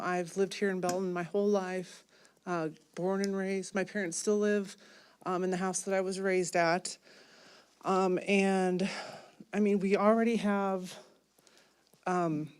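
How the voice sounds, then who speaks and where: A woman's voice: mid-range voice, steady tone, a little slow, a little mellow, clean tone. A woman giving a hesitant public comment at a city meeting, with many ums.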